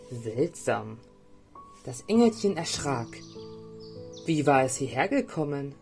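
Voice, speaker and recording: A woman reading a children's story aloud, gentle and expressive, then asking the young listeners questions. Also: low-pitched.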